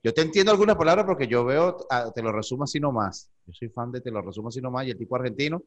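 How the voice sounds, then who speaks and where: A man from Venezuela with a Venezuelan Spanish accent, hosting a relaxed interview in a jokey, slangy way. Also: medium pitch, very fast. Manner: jokey, slangy, laughs along. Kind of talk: casual interview chat.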